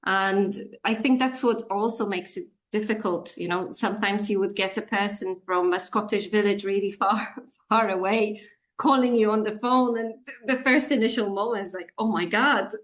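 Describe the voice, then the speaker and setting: At a moderate pace and in a mid-range voice, a woman from Poland in her forties talks about her job as a business English communications coach. It's a casual interview chat, and she laughs often and fills pauses freely.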